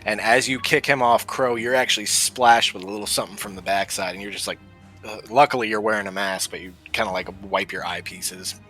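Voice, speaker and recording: Man, game master, lowish bright voice, casual hesitant narration, faint music. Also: fairly even intonation, a little fast. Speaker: dungeon master.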